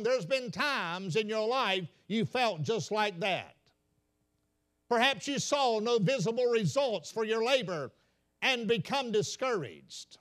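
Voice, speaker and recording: A man, a senior pastor, preaching a sermon in a folksy storytelling way and calling out to "ladies and gentlemen.". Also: high voice. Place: church sanctuary.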